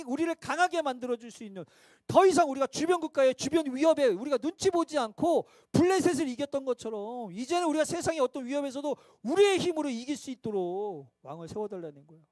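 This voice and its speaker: Korean pastor guy preaching, really high voice for a man, dry close sound, chatty and pokes fun at himself. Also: a little mellow, dry recording. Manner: conversational, self-mocking, rhetorical questions. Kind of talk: sermon. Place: church midweek worship service.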